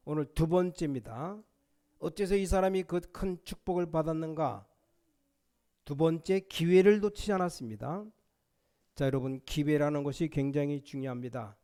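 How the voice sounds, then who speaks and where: Emphatic pastor preaching, higher voice. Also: male voice. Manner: emphatic preaching, voice rising to near-shouts on quotes. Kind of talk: sermon.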